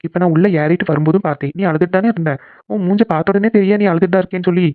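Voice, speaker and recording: A performer voicing a caring young man in a cartoon who coaxes and gently scolds his friend. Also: mid-range voice, steady tone, very fast, no room sound, natural voice. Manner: coaxing, bossy, gently scolding. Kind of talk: cartoon voice acting. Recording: tinny phone-like sound, dry.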